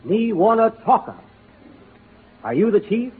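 A cocky wisecracking explorer in a 1930s radio comedy. His slightly high voice leaps up and down as he cracks puns. It comes through a tinny lo-fi broadcast, with a noisy studio crowd behind him. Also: sing-song, slow, full character voice. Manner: wisecracking, punning. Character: brash wisecracking male explorer, eager and boastful. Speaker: comic lead.

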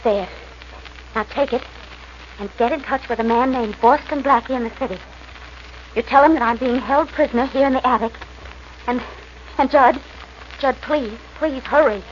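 A woman's voice: fairly high pitch, normal speed, long pauses, lightly acted. An actress playing an urgent, pleading young woman held captive in a 1940s radio drama. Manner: earnest, pleading. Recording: dull, noisy old radio recording.

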